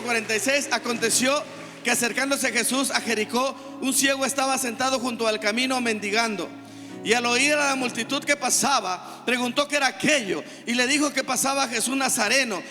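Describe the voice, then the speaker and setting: A man with a Mexican Spanish accent preaching a sermon as pastor, breaking into shouts and calling on the congregation to repeat after him. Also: very high voice. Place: church hall. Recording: reverberant church hall with music underneath.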